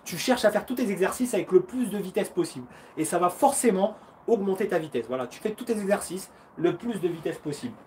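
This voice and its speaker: A man's voice: sits high, animated, a little fast, a little mellow, a little hiss or hum. A man in his thirties, a karate fighter and coach hosting a casual live Q&A from home, upbeat and encouraging, chatty with slang, acting out punches and footwork with little sounds. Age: 30s.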